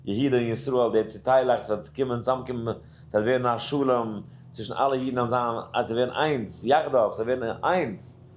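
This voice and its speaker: A man's voice: medium pitch, brisk. Man, rabbi, storytelling Torah lesson, acts out voices, singsong verse chanting. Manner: animated storyteller acting out characters, mixing in English and Hebrew. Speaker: rabbi teaching daily Torah study.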